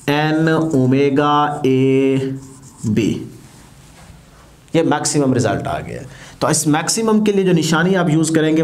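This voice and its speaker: A male physics teacher, explaining step by step, asking his students questions and slowing down to spell out equations as he writes. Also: mid-range voice, a little mellow. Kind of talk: classroom lecture.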